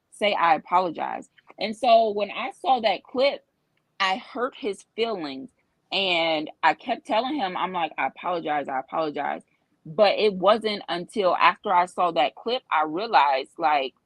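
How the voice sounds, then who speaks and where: A woman's voice: on the low side, no room sound, low-quality recording. A woman in her thirties, a show co-host, telling personal stories and giving earnest relationship advice in a candid, conversational way. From Cincinnati area.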